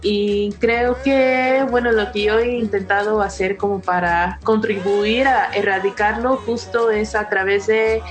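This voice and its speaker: A woman's voice: medium pitch, fairly even intonation, measured pace, hardly any pauses, soft background music. A young woman from California, a documentary filmmaker, giving a thoughtful personal testimony in an interview. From California, United States.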